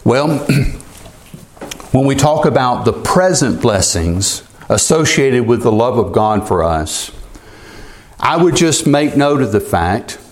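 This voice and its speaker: A man in his sixties preaching a sermon to his congregation, climbing high on key words and dropping low to drive points home. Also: lively intonation, takes it slowly. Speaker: pastor.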